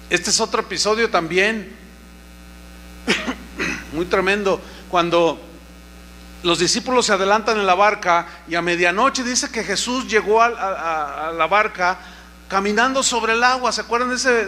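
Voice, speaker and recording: A man preaching a sermon, animated and questioning the congregation, acting out the voices he quotes. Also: high voice, a little hiss or hum. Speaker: pastor.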